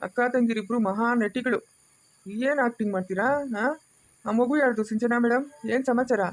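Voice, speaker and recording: A woman's voice: fairly high pitch, brisk, voice pushed down, close to an everyday voice. A woman voicing a menacing adult male villain who taunts and threatens in a mocking tone, in an amateur family drama.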